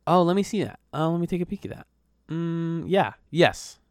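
Chatty man with a smooth voice. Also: fairly high pitch, lively intonation, moderate pace, no echo, studio quality. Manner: chatty, playful, trails off with fillers. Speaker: podcast co-host. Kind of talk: casual podcast chat.

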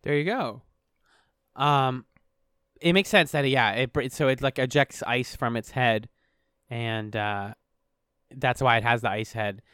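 A man in casual podcast chat, reading entries aloud and cracking jokes. His voice is smooth and resonant at a middling pitch. The sound is dry and close to the mic. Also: a little slow, long pauses, a bit bright, no echo. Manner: reads entries aloud, jokey and laughing. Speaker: podcast co-host.

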